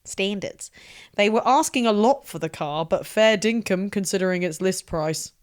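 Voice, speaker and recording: A woman's voice: mid-range voice, animated, clean tone. Wry laughing woman podcast co-host. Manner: quick, laughing, wry asides. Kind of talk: casual chat.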